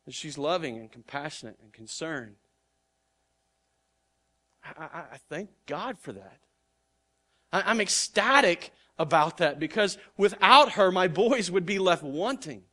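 A middle-aged pastor gives an earnest, conversational sermon with repeated word starts. His fairly high voice swings widely in pitch, sounding bright and forceful, and he takes his time with long pauses.

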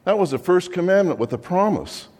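A man's voice: high voice, lively intonation, fairly quick, darkish tone, in a large hall. A man playing a fussy ancient undertaker-salesman. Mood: salesy, wry. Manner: exasperated, theatrical sales patter. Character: fussy biblical-era male undertaker-salesman. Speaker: comic monologue performer. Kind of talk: comic character monologue.

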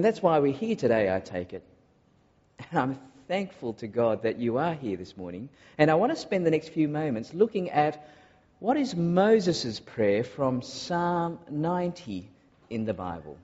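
A man from Malaysia preaching a sermon to a congregation, earnest and often pausing on filler uhs. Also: fairly high pitch, sing-song, a little mellow, slightly rough. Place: large church hall. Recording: dull recording in a long-echo hall.

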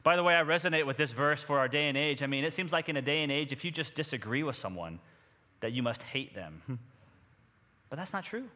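Bright-voiced preacher in an echoing hall. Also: male voice, a little high, a little fast. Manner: energetic, prompts the congregation to respond. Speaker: pastor. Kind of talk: sermon. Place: church sanctuary. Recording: long hall reverb.

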